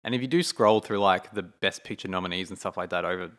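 A man's voice: low voice, fast talker, fairly bright tone. A man co-hosting a film podcast, thinking aloud in a rambling, casual way with many fillers. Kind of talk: casual chat.

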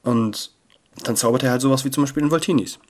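A young man hosting a casual podcast, chatty and playful, swinging between loud bursts and low murmurs on a close, sensitive mic. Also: fast talker. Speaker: podcast host. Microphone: sensitive close mic that picks up paper rustle.

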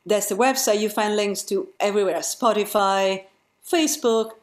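A woman's voice: mid-range voice, moderate pace, roomy sound. A woman musician from Europe, chatting casually as an interview guest and laughing easily.

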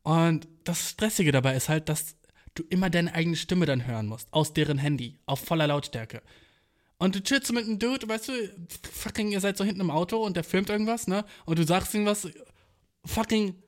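A young man in his twenties with a notably high-pitched voice tells stories in a loose, rambling monologue. He talks in slang, swears freely and fills his sentences with filler words, like a podcast host chatting to his listeners. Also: a little fast. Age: 20s. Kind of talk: casual storytelling monologue.

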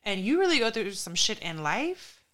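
A woman's voice: medium pitch, very animated, moderate pace, fairly bright tone. A woman in her early thirties co-hosting a podcast, talking reflectively and with emphasis in casual chat. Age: 30s. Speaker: podcast co-host.

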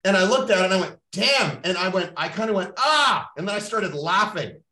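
A man's voice: high-pitched, fast talker, sharp tone. A middle-aged Canadian man hosting a podcast, talking bluntly and profanely in a motivational coaching tone. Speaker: podcast host. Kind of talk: motivational monologue. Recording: roomy sound, mic at a distance.

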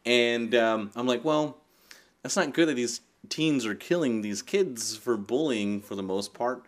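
A man's voice: medium pitch, a little slow. A man co-hosting a casual podcast chat, laughing often and trailing off into fillers. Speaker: podcast co-host.

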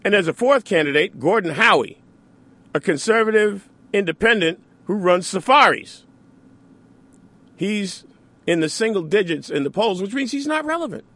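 Sarcastic New radio host, high and lively. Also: male voice, moderate pace. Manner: sarcastic, mocks opponents in mimicking asides. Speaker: radio talk show host. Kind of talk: opinionated radio monologue.

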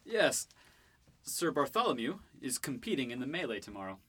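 A man's voice: medium pitch, big pitch swings, moderate pace, pushed and bright, slightly rough, no echo, full character voice. A man voicing a cocky, teasing young prince and husband in a student radio drama.

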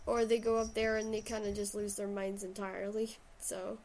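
A woman's voice: mid-range voice, little pitch movement, normal speed, darkish tone. A woman with a Shetland accent chatting casually and enthusiastically about books as a host. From Shetland, Scotland. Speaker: podcast host and writer. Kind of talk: casual book chat.

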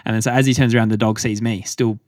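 Low-voiced man, casual rambling. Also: fairly even intonation, fast, darkish tone, dry recording, studio quality. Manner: rambling storytelling with many fillers. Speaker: podcast co-host. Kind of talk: casual chat.

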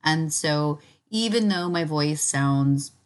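A woman hosts a casual spiritual podcast, chatty and enthusiastic despite a slightly raspy, hoarse voice that suggests she's getting over an illness. She speaks slowly in a deep voice.

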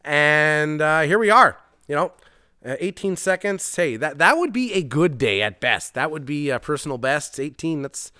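A man's voice: a little high, lively intonation, moderate pace, sharp tone, smooth, no echo, studio quality. A man hosting a casual, improvised live podcast from a large open garage, rambling in a joking, self-deprecating and sweary way into a mic with a foam windscreen. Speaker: podcast host. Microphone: mic with foam windscreen, no pop filter.

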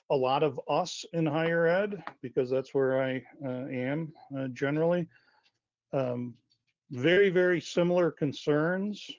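A man's voice: on the high side, darkish tone, no room sound. A man losing his voice, speaking informally as a university wireless lead on a webinar, with many fillers and self-corrections. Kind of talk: conversational webinar presentation. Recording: dull, dry lo-fi web audio.

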